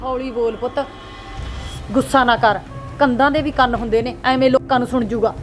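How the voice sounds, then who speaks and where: A woman playing a mother who pleads with her angry son to calm down. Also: fairly high pitch, a little fast, faint music behind, natural voice. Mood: pleading. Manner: pleading, calming. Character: soothing mother, anxious to keep peace. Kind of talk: web series drama acting.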